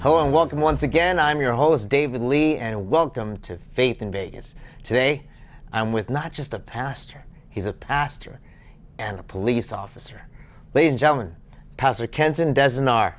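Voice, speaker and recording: Male interview host, mid pitch, encouraging, nods along with yeah and wow. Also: moderate pace. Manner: encouraging, frequent short affirmations. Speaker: talk show host.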